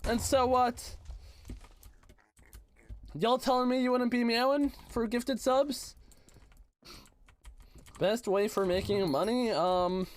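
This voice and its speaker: A man's voice: very high voice, slow, long pauses. A man streaming a game who chats casually, reads out and teases his chat, with a voice he says is worn out. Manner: playful, teasing, slangy gamer talk. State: voice worn out, slightly hoarse. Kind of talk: casual livestream chat, reading chat aloud.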